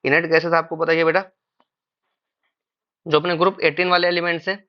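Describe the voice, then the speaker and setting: A man's voice: fairly high pitch, flat delivery, a little fast, highs cut off. A man teaching chemistry in a classroom-style lecture. He calls his students "beta", poses questions and answers them himself, and mixes English terms into Hindi.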